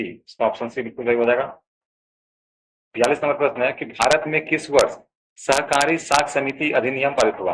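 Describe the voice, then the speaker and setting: A man's voice: medium pitch, rough recording. A man with a Bihari Hindi accent teaching an exam answer key, calling his viewers friends and explaining each option in turn. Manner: addresses viewers as friends, steady explanatory pace. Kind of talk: answer key walkthrough lesson.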